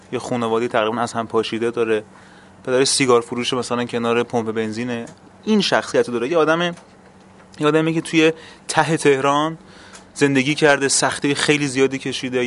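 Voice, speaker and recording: Stage actor talking with hesitations. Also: male voice, medium pitch, fairly bright tone. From Iran. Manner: thoughtful, hesitant, many fillers. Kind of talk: interview answer.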